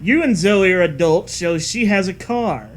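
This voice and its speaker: A man's voice: high-pitched, animated, moderate pace. A man reading a silly story aloud with sarcastic, wry asides. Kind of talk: comedic story reading with banter.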